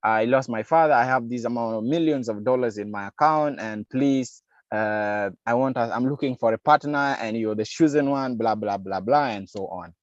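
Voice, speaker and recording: A man delivers a video-call class on digital security in a voice of ordinary pitch. He explains at length, fills pauses with "uh," and briefly plays the scammer's lines. The sound is dull and lo-fi, dry, with little room around it. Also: dry recording. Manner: explanatory, acts out scammer lines, frequent fillers. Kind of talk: online masterclass lecture.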